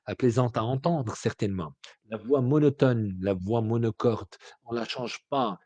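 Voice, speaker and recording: A man's voice: medium pitch, mellow, dry recording, lo-fi sound. A man from Morocco, giving a spoken lecture as a teacher in an explanatory way with frequent hesitations.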